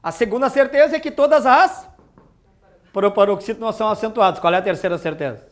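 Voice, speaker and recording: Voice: mid-range voice, a little fast. A teacher giving an exam-prep grammar lesson, chatty and full of joking asides and rhetorical questions.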